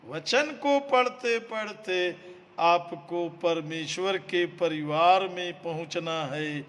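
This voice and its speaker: Guy preaching, high voice, big echoey hall, repeats himself a lot. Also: a bit bright, slight background noise. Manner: emphatic, repeats phrases, addresses listeners as beloved. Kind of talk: sermon.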